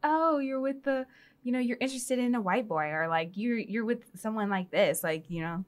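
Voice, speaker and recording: A young adult woman hosting a casual interview podcast, chatty and relaxed with frequent filler words. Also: fairly high pitch, moderate pace. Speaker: podcast host.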